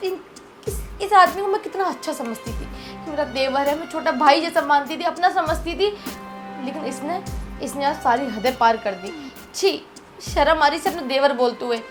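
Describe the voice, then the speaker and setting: A woman's voice: sits high, moderate pace, faint music behind, natural voice. A young woman playing a lonely wife who scolds with indignation in a melodramatic short film. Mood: disgusted.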